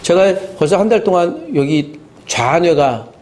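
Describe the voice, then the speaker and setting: A man preaching a sermon as pastor, animated, acting out inner voices and asking the congregation questions. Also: high voice, unhurried.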